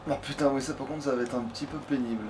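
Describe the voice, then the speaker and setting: Over a clearly noisy background, this man delivers sweary, laid-back let's play commentary, frequently muttering under his breath. He talks very fast with a medium pitch and a steady tone.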